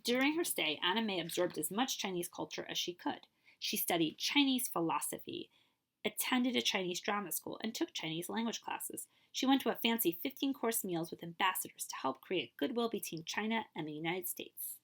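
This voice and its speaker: Her mid-range voice moving at a moderate pace, a woman librarian reads a picture book in an even storytelling manner. Short asides to her listeners interrupt the reading from time to time.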